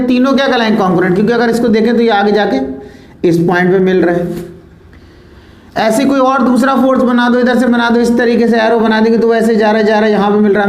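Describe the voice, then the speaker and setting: A man's voice: very high voice, darkish tone, reverberant, low-quality recording. A male physics teacher giving a board lesson step by step, asking the class questions and answering them himself, and repeating words as he traces lines.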